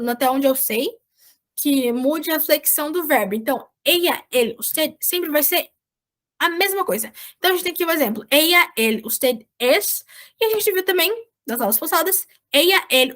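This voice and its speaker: A Brazilian woman volunteers as a teacher, giving a Spanish lesson online over a video call and explaining patiently while often checking in with "certo?" Her voice is high-pitched and fairly bright, with a Brazilian Portuguese accent.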